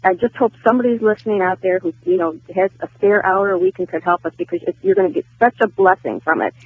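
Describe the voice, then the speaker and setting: A woman's voice: medium pitch, fast talker, slightly rough, dry recording. A woman calling in to a radio show as a volunteer, heard over the phone line, earnest and eager in casual talk. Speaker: caller, volunteer. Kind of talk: casual call-in chat. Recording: tinny dry phone line.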